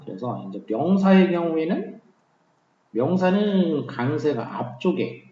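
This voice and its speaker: A man's voice: medium pitch, mellow. A man teaching English vocabulary in a casual, conversational lecture style, with many fillers and key words said twice. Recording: roomy, dull lo-fi sound.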